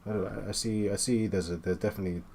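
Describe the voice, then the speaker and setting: A man in his late twenties chatting casually while he draws, talking in halting bursts with many fillers and restarts. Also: lowish voice, fairly even intonation, creaky, dark tone, slight background noise. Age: 20s. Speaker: art streamer. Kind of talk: casual chat while drawing.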